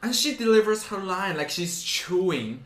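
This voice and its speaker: A man's voice: sits high, expressive, moderate pace, fairly bright tone. A man co-hosting a podcast with casual comedic banter and campy, sassy interjections. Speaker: podcast co-host. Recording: echoey room with clear background noise.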